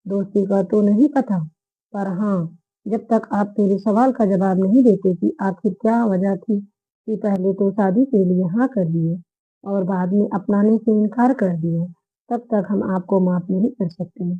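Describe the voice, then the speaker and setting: A woman voicing a hurt young wife who answers her husband in a reproachful, sharp way, over phone-like narrow audio. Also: mid-range voice, a little slow, breathy edge.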